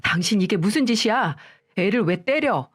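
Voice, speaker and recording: A woman's voice: medium pitch, lively intonation, normal speed, husky. Woman reading as a reproachful husband, scolding, faint music. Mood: angry. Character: reproachful husband siding with his family.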